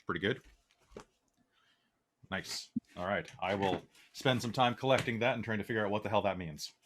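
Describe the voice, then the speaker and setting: A man with a lowish, bright, forceful voice, playing a tabletop game. He talks casually and jokes while his character is the focus. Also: normal speed, slight background noise. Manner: casual and joking. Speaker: player.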